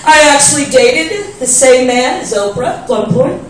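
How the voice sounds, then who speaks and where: A woman's voice: high voice, expressive, normal speed, slight background noise. A middle-aged woman doing stand-up comedy, telling brash gossipy stories and acting out the voices of the people in them. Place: comedy club stage. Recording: echoey club sound from far off.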